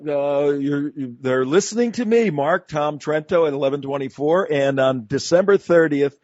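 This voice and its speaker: A man's voice: fairly high pitch, moderate pace, a little mellow, no room sound. A man hosting a talk radio show, speaking emphatically and combatively in long run-on sentences. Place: radio studio. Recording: dull, dry studio broadcast.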